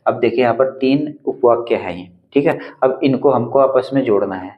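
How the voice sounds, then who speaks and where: Guy teaching grammar for an exam class, walks through each rule, keeps asking if it's clear, bit muffled audio. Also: medium pitch. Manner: explains step by step, often checking with "ठीक है"; reads example sentences slowly and deliberately. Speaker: Hindi teacher. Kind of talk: exam-prep grammar lesson.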